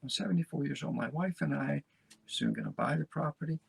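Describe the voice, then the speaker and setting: A man in his seventies hosting a talk show, folksy and rambling, encouraging his listeners with a gravelly voice. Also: fairly high pitch, fast, a little hiss or hum. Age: 70s. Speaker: podcast host. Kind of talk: motivational casual talk.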